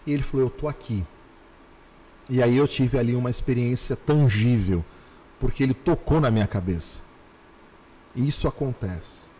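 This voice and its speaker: A male pastor telling his conversion story on a podcast, animated, slowing down and repeating phrases for emphasis. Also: medium pitch, slightly rough, long reverb tail. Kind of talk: podcast testimony.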